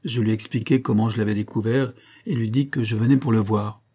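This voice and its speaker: A man reading a novel aloud in a calm, measured literary narration. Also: on the low side. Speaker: audiobook reader.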